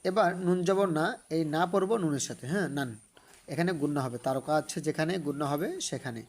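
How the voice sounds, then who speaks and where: A man teaching a Quran reading lesson in a patient, measured voice. He names each letter and vowel sign one at a time. Then he draws out the joined syllables in a sung recitation tone. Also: a little high, a little mellow.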